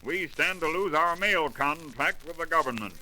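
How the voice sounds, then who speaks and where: An actor playing a brusque, commanding airline boss in a 1930s radio drama. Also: male voice, fairly high pitch, lively intonation, normal speed, a crowd in the background, lightly acted, rough recording. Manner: gruff, commanding, impatient. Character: brusque middle-aged male airline boss. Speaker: airline company head.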